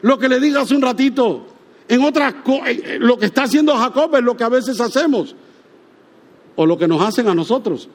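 A male preacher delivers a sermon with an emphatic, questioning manner, pausing to ask the congregation rhetorical questions. His voice sits high for a man, and he slows down to stress key words. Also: lively intonation.

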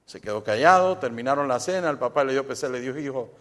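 A man's voice: mid-range voice, expressive, quick pace, fairly bright tone. A middle-aged man preaching a humorous sermon at a church service, telling jokes and quizzing the congregation. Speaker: pastor.

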